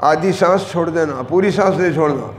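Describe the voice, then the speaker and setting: A man's voice: fairly high pitch, a little fast. A man teaching Quran recitation, correcting pronunciation and explaining breath control in an instructive manner. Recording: echoey hall with faint ambience.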